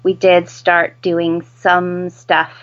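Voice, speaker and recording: A woman's voice: on the low side, monotone, extremely slow, dull audio. A woman in her thirties with an American accent, talking casually as an interview guest. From United States. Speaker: interview guest, home-educating mother.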